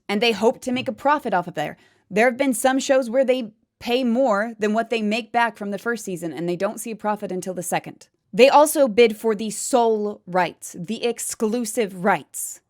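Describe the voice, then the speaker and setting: A woman video commentator giving an opinion to viewers in an emphatic, explanatory manner. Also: medium pitch.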